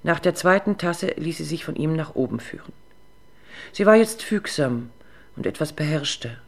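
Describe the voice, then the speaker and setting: A woman reading a literary short story aloud in a composed, even narrating voice. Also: low voice, moderate pace.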